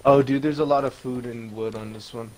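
A man's voice: medium pitch, steady tone, brisk, a little mellow, slight background noise, low-quality recording. A man in casual gaming chat, cracking crude, teasing jokes at his friends. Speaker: gamer.

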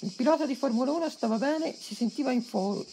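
A woman's voice: high-pitched, fast talker, creaky, mellow. A woman off camera outdoors, reading out short jokes. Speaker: off-camera joke reader. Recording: noisy outdoor camera audio.

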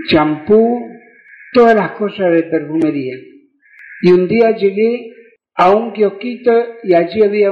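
Older Argentine man preaching in echoey church. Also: sits high. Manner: emotional, builds to shouted praise. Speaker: preacher giving testimony. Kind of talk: sermon testimony. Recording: echoey, muffled church recording.

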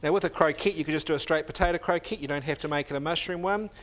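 A man's voice: on the high side, racing. A middle-aged man, a chef demonstrating a recipe in a teaching kitchen, explaining each step steadily as he works, with the odd "um". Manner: steady step-by-step explaining while working, with filler ums. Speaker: chef and cooking instructor. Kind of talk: cooking demonstration.

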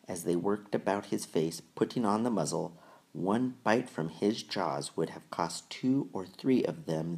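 A man reading a children's novel aloud in measured, deliberate storytelling narration. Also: deep voice, warm tone. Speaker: audiobook reader. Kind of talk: scripted narration.

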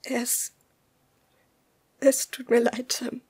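A woman reading an audiobook and voicing a small, timid, tearful blond boy with a high, pleading voice. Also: flat delivery, drawn-out words, a little mellow, slightly rough, exaggerated voice. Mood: choked.

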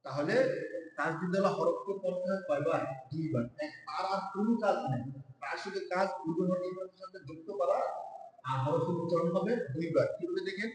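Brief: male teacher, fairly high voice, drills syllables slowly, asks the class questions, very roomy long-reverb recording. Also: over music. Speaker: Quran reading teacher. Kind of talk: step-by-step classroom lesson. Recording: very echoey room with long reverb.

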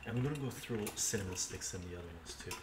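Picked up by a camera mic set some distance off, this older man's low-pitched voice comes through fast amid roomy, distant, noisy kitchen audio. He's running a cooking live stream at home, reading chat, chatting casually and talking through every step.

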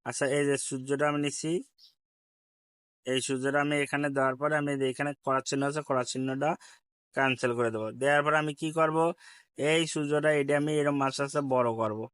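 Dry, clear-voiced man walking through app steps. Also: mid-range voice, steady tone, fast talker, a bit bright, no echo. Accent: Bangladeshi Bengali. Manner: repetitive step-by-step instruction, addresses viewers politely. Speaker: tech tutorial host. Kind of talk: screen-recorded app tutorial.

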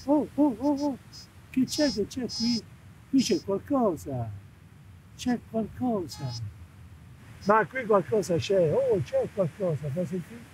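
A man's voice: high-pitched, huge pitch swings, slow pace, a little hiss or hum, exaggerated voice, rough recording. An actor with an Italian accent playing a lonely treasure hunter on a beach, talking fondly to his metal detector as if it were a companion. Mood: excited. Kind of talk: film acting. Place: beach outdoors.

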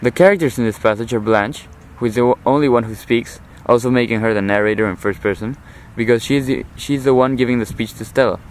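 A teenage boy delivers a prepared oral commentary for class, formal and analytical in tone. His voice sits in an ordinary middle pitch. A faint hum of traffic runs underneath. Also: fast talker, hardly any pauses, low-quality recording. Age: teens. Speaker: high school student.

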